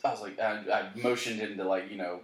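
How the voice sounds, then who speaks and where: Young man, low voice, lively storyteller who swears a lot, recorded in an echoey room. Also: fast. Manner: animated storytelling, swears freely, acts out quotes. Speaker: bartender. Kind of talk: casual chat.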